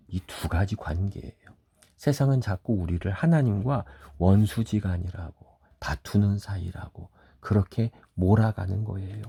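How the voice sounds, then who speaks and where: A middle-aged man preaching a sermon as a pastor, telling stories, acting out quoted voices and dropping at times to soft whispers. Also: deep voice, vocal fry, slightly rough, no room sound, clean studio sound.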